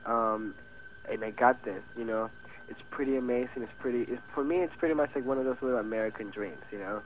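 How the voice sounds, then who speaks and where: An eighteen-year-old guest actor, a native Spanish speaker with a Venezuelan accent, talks fast in a mid-range voice during an interview. He is casual and hesitant, restarting often. The audio is tinny and phone-like, as on radio, with faint hiss.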